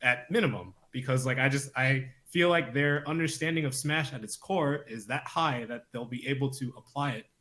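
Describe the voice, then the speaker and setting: A man in casual podcast chat about games. He circles around his point with lots of fillers and restarts. His voice sits at an ordinary middle pitch. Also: moderate pace, hardly any pauses, fairly bright tone. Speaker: podcast co-host.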